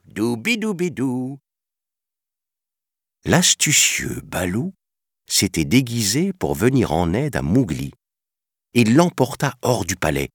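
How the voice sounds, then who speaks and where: Slow husky male storyteller. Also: deep voice, dry recording, clean studio sound. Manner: expressive, measured reading. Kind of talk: storybook narration.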